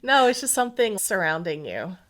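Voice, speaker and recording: Lively New Jersey woman, podcast co-host. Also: mid-range voice, fairly quick. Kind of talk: casual podcast chat.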